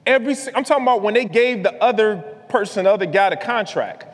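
A man's voice: sits high, quick pace. A man co-hosting a podcast, telling an emphatic story in casual chat and repeating points for weight. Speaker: podcast co-host. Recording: long hall reverb.

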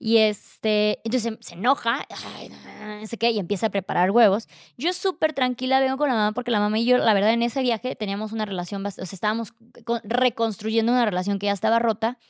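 A young Mexican woman with a Mexican Spanish accent, telling a personal story in casual, animated conversation and acting out what others said. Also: on the high side, quick pace, few pauses, dry recording, studio quality. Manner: animated, acts out quoted voices, lots of fillers. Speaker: podcast guest telling her story.

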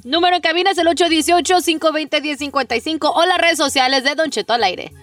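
A woman with a high voice co-hosting a comic radio show, tossing in quick reactions. She sits a little off the mic, with music clearly running underneath. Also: a bit bright, far from the mic. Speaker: radio co-host.

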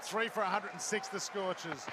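A man with an Australian accent giving excited, exclamatory live cricket commentary. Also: high voice, moderate pace. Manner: excited, exclamatory calling of play. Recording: very loud stadium crowd noise behind. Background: roaring crowd at a match.

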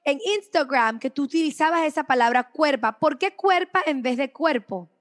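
A woman's voice: sits high, normal speed. A woman hosting a podcast interview, asking questions with enthusiastic curiosity. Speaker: podcast host. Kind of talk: conversational interview.

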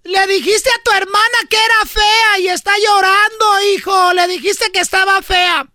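Woman playing a nagging mom, super high bright voice, dry close mic. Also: steady tone, normal speed, no room sound. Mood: scolding. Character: nagging Mexican mom and wife, sharp-tongued. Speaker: joke sketch actress.

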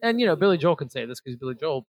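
A man's voice: a little high, very animated, rapid-fire. A man co-hosting a podcast, chatting casually about an album, full of fillers and restarts. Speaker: podcast co-host. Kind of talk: casual music chat.

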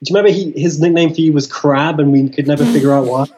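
A man's voice: fairly high pitch, fairly even intonation, very noisy. Rambling, swearing man in casual chat. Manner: rambling, halting, swears a lot. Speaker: guest.

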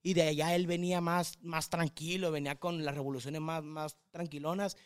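A young man with a thick Sinaloan accent rambles energetically as a podcast guest, his voice sitting fairly high. The sound is dry and close, with no room around it. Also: clear, resonant tone, no echo. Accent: northwestern Mexican, Sinaloa. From Mazatlán, Mexico. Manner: energetic, hyperactive, rapid rambling talk. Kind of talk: casual chat.

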